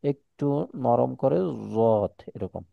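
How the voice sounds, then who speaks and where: A man's voice: medium pitch, dry recording. Patient male Quran teacher, dull audio. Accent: Chittagong Bengali. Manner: patient, explains slowly with repetition and examples. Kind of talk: one-on-one Quran lesson.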